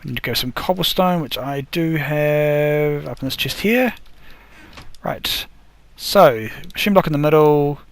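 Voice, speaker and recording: On the high side and unhurried, this man's slightly worn voice sounds like it's going. As a gaming video host giving casual commentary, he narrates every crafting step, stumbling over words and fixing them as he goes.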